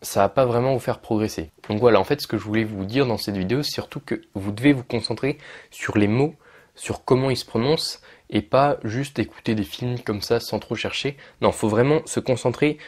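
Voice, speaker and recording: A man's voice: medium pitch, a little fast, a little mellow. A young man explaining pronunciation steps in a casual video lesson, with frequent fillers and self-corrections. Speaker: English teacher for French speakers.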